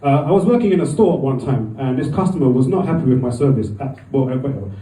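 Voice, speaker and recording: A man's voice: on the high side, warm tone. A man, doing a rambling, self-deprecating stand-up set in a comedy club. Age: 40s. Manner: rambling, self-deprecating, acts out voices with swearing. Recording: echoey room, mic from far off.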